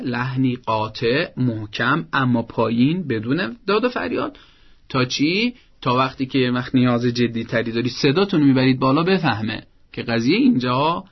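A man's voice: medium pitch, vocal fry, breathy edge, lo-fi sound. A man giving parenting advice on a broadcast program, speaking in a firm, didactic way and explaining things step by step. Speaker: parenting advisor.

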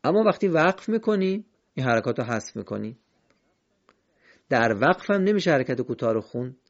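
A man teaching the rules of Quran recitation in a patient, step-by-step way, slowly chanting example verses. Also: medium pitch, big pitch swings, muffled recording. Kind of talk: recorded lesson on recitation rules.

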